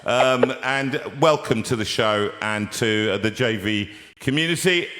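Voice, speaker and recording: An older British man hosting a casual, chatty interview in a lively, jokey, rambling way. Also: mid-range voice, measured pace, a little hiss or hum. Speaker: show host.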